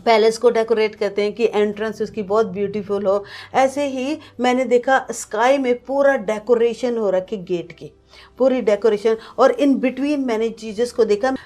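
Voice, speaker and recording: A woman's voice: a little high, dark tone. A woman giving an earnest personal testimony to a pastor, telling her story vividly and mixing in English words. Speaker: guest sharing a testimony.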